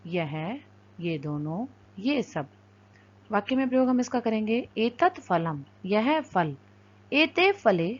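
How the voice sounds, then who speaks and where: A woman teaching a recorded lesson, explaining words slowly and spelling out sounds one at a time. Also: medium pitch, a little mellow. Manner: slow, careful and deliberate, spelling out sounds one by one. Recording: dull lo-fi recording.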